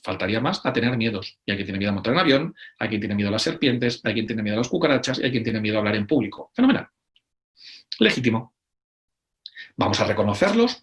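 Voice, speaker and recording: A middle-aged man with a Spain Spanish accent gives an animated conference talk, acting out quoted voices between frequent hesitations. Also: mid-range voice. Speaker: conference speaker.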